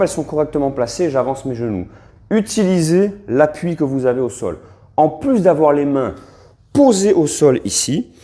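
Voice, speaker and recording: A man coaching a fitness exercise in a relaxed, chatty way, often checking in with the listener as he demonstrates. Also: fairly high pitch. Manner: relaxed, chatty coaching with frequent "hein" and "d'accord".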